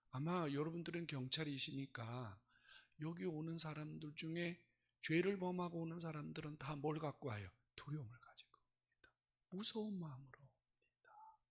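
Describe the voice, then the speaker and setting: A male pastor preaching a sermon, telling his story dramatically, dropping to hushed whispers and rising to loud outbursts. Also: fairly high pitch, breathy edge.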